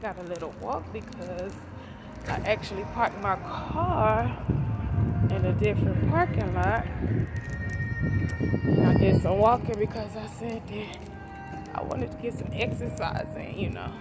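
A woman in her forties vlogging from her phone while she walks through a mall and then a parking lot, chatty and slangy. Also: medium pitch. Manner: slow, chatty, slangy, talks straight to the phone while walking. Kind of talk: casual walking vlog chat. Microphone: phone held at arm's length. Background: background music, traffic and wind.

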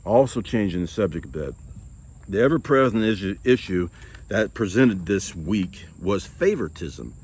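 A man's voice: low-pitched, lively intonation, normal speed, a little mellow, breathy edge. A man giving an earnest, reflective sermon-style talk as preacher and songwriter, often repeating words as he goes. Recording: music bed playing behind the voice.

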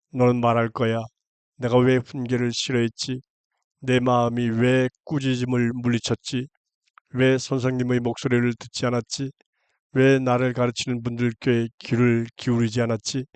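A man calmly reading scripture aloud in an even, unhurried way, in a plain everyday speech register. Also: medium pitch, clear, resonant tone, no room sound. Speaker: Bible reader.

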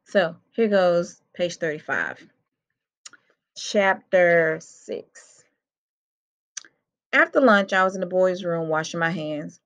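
A woman's voice: fairly low pitch, lively intonation, normal speed, few pauses, a bit bright. A woman reading a children's chapter book aloud, telling the first-person story expressively. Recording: dull lo-fi recording.

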